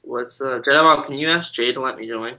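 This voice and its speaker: A man's voice: mid-range voice, fairly quick, sharp tone. A man chatting casually as a guest on a live stream, rambling and cutting himself off mid-thought. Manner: rambling, self-interrupting. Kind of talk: casual chat.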